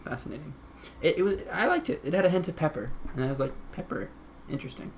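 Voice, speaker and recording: Co-host, male, slightly high voice, eager reader, faint hiss behind. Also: racing. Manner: excitable, laughs often, reads narration aloud. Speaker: co-host reading a webcomic aloud. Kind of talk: casual read-along chat.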